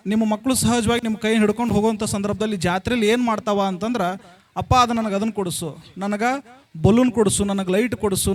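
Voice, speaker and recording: A man with a North Karnataka accent, a religious leader giving a blessing address to a school gathering, telling a folksy story that repeats lines and puts questions to the crowd. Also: sits high. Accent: North Karnataka Kannada. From Karnataka, India.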